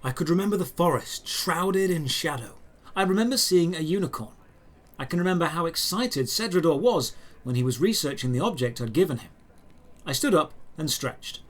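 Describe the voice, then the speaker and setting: A man narrates a scripted first-person fantasy story in a measured, descriptive storytelling style. His voice is a little high and a bit bright.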